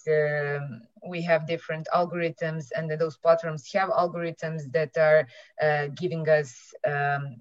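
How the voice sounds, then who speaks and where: A woman's voice: low-pitched, no echo, dull audio. A woman from Serbia with a Serbian accent, a marketing entrepreneur giving a hesitant opening statement on an online panel, full of fillers and restarts.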